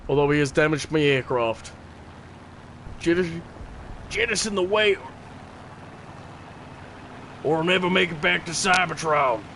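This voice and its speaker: A man's voice: a little high, a little slow, gravelly, long pauses, fairly bright tone, slight background noise. A man streaming a game and chatting casually, rambling, repeating himself and laughing often. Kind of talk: casual gameplay commentary.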